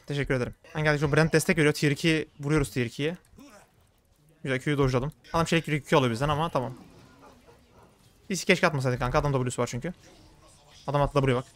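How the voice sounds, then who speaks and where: A young man commenting on his own game as he plays, talking fast and getting worked up. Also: fairly high pitch. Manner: rapid, excitable, swings into frustrated outbursts. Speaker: gaming streamer. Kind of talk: live gameplay commentary.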